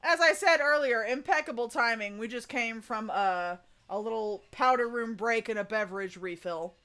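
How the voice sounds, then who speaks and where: Chatty woman streamer with a bright, high voice. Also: moderate pace, clear, resonant tone. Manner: chatty, informal, folksy "y'all". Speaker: VTuber streamer, voice coach. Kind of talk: casual livestream chat.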